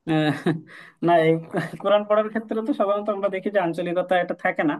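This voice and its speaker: A man teaching Quran recitation in a relaxed lesson, patiently repeating each rule and slowly chanting the Arabic examples. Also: high voice, poor audio.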